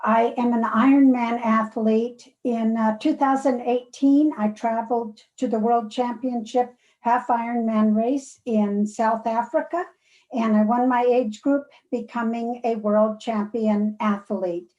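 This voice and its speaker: A woman in her seventies, an athlete on a panel, introducing herself on a video call in a halting way with fillers. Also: a little high, fairly even intonation, a little mellow. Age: 70s. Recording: dull lo-fi call audio.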